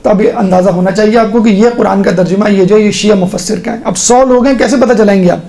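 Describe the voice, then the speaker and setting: A religious teacher giving a casual online lesson, walking listeners through a screen step by step. The talk is conversational, with frequent check-ins, and scripture is recited in slow, measured phrases. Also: mid-range voice, warm tone.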